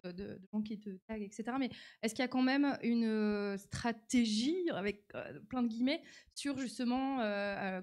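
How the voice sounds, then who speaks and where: A woman's voice: on the high side, a little mellow. A middle-aged woman in the audience asking a hesitant question full of fillers.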